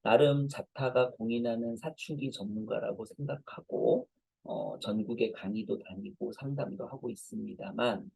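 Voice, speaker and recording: Man in his forties lecturing parents as a professor, dark and husky, anecdotal and self-deprecating. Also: fairly low pitch, steady tone, normal speed, dry recording, rough recording. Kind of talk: conversational lecture.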